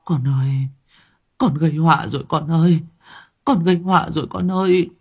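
A poor village mother, anxious and quick to scold, speaks shrilly and frantically, as a man puts her on in an audiobook. The voice is husky and swings widely in pitch. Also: big pitch swings, dull audio, heavily acted. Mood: frantic pleading.

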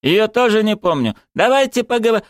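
A man's voice: high-pitched, very animated, brisk, no room sound, clean studio sound, pitched above the performer's own voice. A man voicing a scared young male driver. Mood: confused defensive. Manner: defensive, shouting back.

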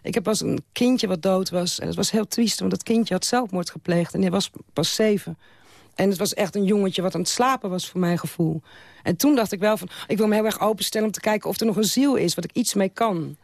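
A woman's voice: medium pitch, brisk, vocal fry, a little mellow, dry recording, clean studio sound. A woman guest who used to work as an undertaker, talking frankly and reflectively in a casual interview, often restarting her sentences.

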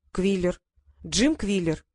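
A woman voicing a calm, curious middle-aged man with a dry, grumbling manner. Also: on the low side, measured pace, no echo.

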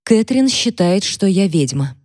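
A woman's voice: mid-range voice, mellow, dry recording, studio quality, close to an everyday voice. A woman voicing a composed housewife who speaks in a level, careful way. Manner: level, measured, restrained.

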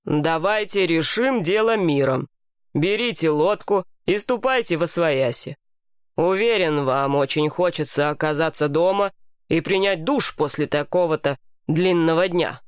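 Stern male police officer, voiced by a woman, strict, measured, dry sound. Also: deep voice, clean tone, dry recording. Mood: conciliatory.

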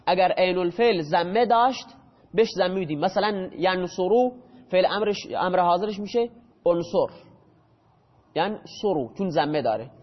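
A man's voice: high voice, animated. A man teaching a grammar lesson in a classroom, explaining step by step and quizzing his students with questions. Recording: dull audio with long hall reverb.

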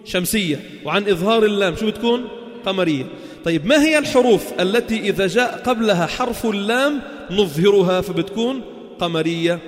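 In a large hall, a man speaking casual Levantine-accented Arabic delivers a religious lesson, often quizzing listeners briefly and answering his own questions. His voice is high-pitched and animated.

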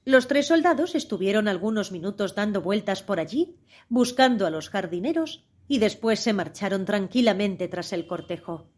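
A woman narrating a storybook in a measured, expressive reading. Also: medium pitch. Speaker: audiobook narrator.

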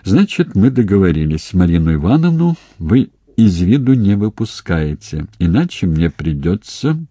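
A calm police investigator with a dry, ironic wit, read by a male narrator. His voice sits low with a husky grain and plenty of lift in the delivery. The sound is close and dry. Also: moderate pace, no echo, exaggerated voice.

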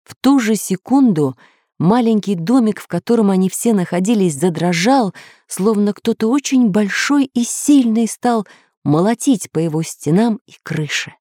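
A woman narrating a children's story aloud in a lively, expressive way. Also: medium pitch, normal speed, no echo, studio quality. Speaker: audiobook narrator.

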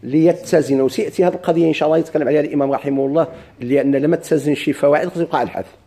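A man's voice: a little high, warm tone. Moroccan man teaching Arabic grammar. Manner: drills students with questions and answers; chants verse slowly. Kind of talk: classroom lesson with questions.

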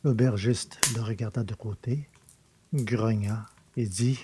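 A man reading a novel as a narrator, in measured storytelling delivery. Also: fairly low pitch, fairly even intonation, noisy background. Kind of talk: scripted audiobook narration.

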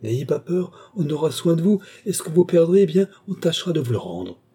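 Brief: reassuring gentleman scholar, played by a male narrator, husky. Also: on the high side, very animated, fairly quick, voice pushed up. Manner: reassuring, polite.

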